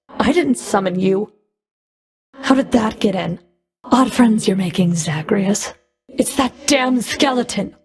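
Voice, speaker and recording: For a video game's voice lines, a woman with a highish, creaky voice plays a stern, sardonic Fury of the underworld. She sounds menacing yet flirtatious, irritated and incredulous, delivering cool, clipped, commanding taunts.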